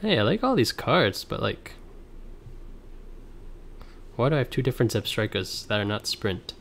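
A man streaming a card game, chatting casually with viewers and thinking out loud as he plays, heard through livestream headset audio. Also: on the low side, very animated, moderate pace, creaky. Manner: thinks aloud, reads card text, chats with viewers. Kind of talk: casual gameplay commentary. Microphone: livestream headset mic.

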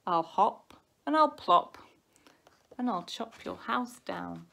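A woman's voice: medium pitch, lively intonation, slow, gravelly, sharp tone, full character voice. Woman putting on Smelly Breath, drawling whiny baby wolf. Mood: excited, boisterous.

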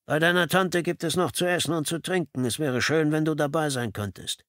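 Reserved older father voiced by a man, restrained, gently asking, raised pitch, dry audiobook recording. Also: a little fast, dry recording, natural voice. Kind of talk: audiobook character voice.

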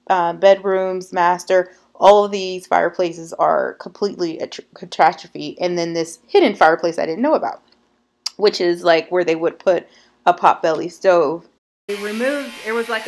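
A woman casually narrating a renovation walkthrough of her historic house, chatty and loose, with many fillers. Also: medium pitch. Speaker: home renovation vlogger.

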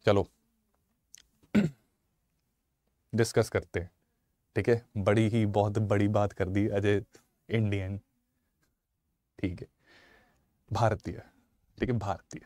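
A man in his thirties from Punjab teaching a live online exam-prep lecture in a studio, animated and mixing Hindi and English while asking viewers questions. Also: fairly low pitch, slow pace, pauses often, no room sound. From Punjab, India. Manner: animated, switches between Hindi and English, asks viewers questions, gestures a lot. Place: studio in front of a slide screen. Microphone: lapel mic.

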